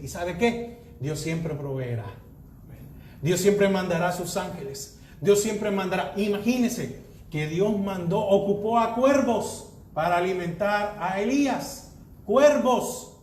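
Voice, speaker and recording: A man's voice: high voice, darkish tone, reverberant, a little hiss or hum. A man pastor preaching a sermon, reading verses aloud and asking the congregation rhetorical questions.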